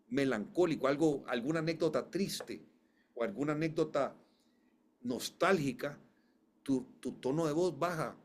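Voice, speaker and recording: Man, voice coach, mid pitch, emphatic, repeats himself, restarts sentences, interview talk. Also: a little hiss or hum. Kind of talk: conversational interview storytelling.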